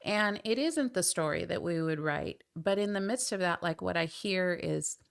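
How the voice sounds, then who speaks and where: A woman hosting a casual conversational interview, her voice hoarse and croaky like a frog from a respiratory illness, talking in an earnest, chatty way. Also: fairly low pitch, animated, moderate pace. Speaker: podcast host.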